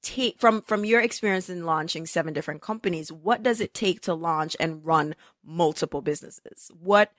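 A woman's voice: fairly low pitch, moderate pace, hardly any pauses, a bit bright, no room sound, clean studio sound. A woman hosting a podcast in an enthusiastic, upbeat way, introducing and interviewing her guest. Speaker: podcast host.

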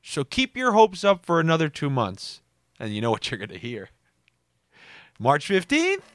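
A man's voice: very animated, fairly quick, fairly bright tone, dry recording. Wry man telling stories on a podcast. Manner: wry storytelling with sarcastic asides and sudden jumps in pitch. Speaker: podcast host. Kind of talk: casual solo podcast monologue.

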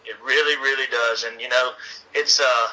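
A man's voice: mid-range voice, fairly even intonation, normal speed, pushed and bright, poor audio. A man being interviewed as a racing league organizer, talking in an earnest, folksy way and rallying listeners. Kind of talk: casual interview chat.

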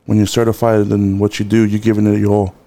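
A man hosting a podcast, talking casually with many pauses and fillers. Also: lowish voice, monotone, dark tone. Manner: hesitant, lots of fillers, friendly slang. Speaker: podcast host. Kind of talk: casual chat.

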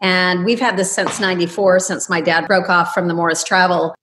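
A woman's voice: lowish voice, fairly even intonation, brisk, fairly bright tone, slight background noise, rough recording. A woman in her fifties talking casually as an interview guest, chatty and anecdotal. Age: 50s. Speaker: interview guest, travel agency owner. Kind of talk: casual conversational interview talk.

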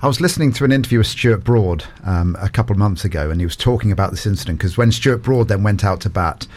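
A man hosting a radio interview, chatty and moving things along with quick questions. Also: lowish voice, a little mellow. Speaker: radio presenter. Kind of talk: conversational interview.

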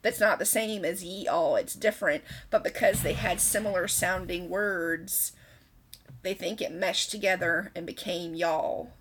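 A woman's voice: lowish voice, steady tone, measured pace, fairly bright tone, a little hiss or hum, rough recording. Woman podcast host, conversational explainer. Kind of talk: casual explanatory podcast talk.

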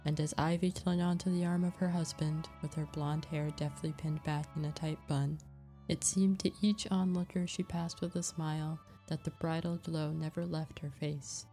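A woman narrating a story in a measured, even reading, with faint music behind. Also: sits low.

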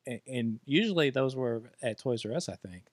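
Halting casual man in a dry recording. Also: mid-range voice, lively intonation, no echo. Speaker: podcast co-host. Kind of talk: casual reminiscing chat.

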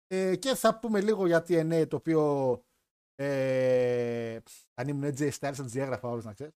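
With a medium-pitched, darkish and clean voice, a man hosts a live wrestling chat stream. As a wrestling podcast host, he jokes around and rambles chattily, often restarting what he's saying.

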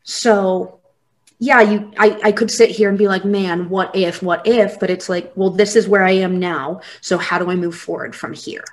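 A woman's voice: medium pitch, steady tone, moderate pace. A young woman speaking as a guest in a casual interview, open and earnest as she talks. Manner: open, earnest, laughs easily.

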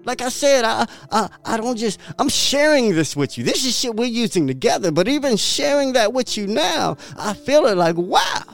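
A fairly high-voiced man delivering a motivational podcast monologue. His pitch swings widely as he repeats his points with blunt profanity and laughs often. Faint music plays underneath. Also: very animated, normal speed, creaky, hardly any pauses. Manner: profane, emphatic, repetitive preaching. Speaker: podcast host.

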